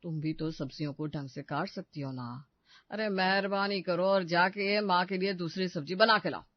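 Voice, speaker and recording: A woman voicing a young husband in an animated family story, defensive and placating between his wife and mother. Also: fairly low pitch, normal speed, no echo, natural voice. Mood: arguing. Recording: dry, slightly dull studio recording.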